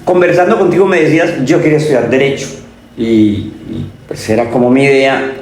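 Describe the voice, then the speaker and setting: A man's voice: medium pitch, steady tone, fairly quick. A man with a Colombian accent from Pereira hosting a conversational podcast interview as a university dean, friendly and affirming with short interjections. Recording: echoey room with faint ambience.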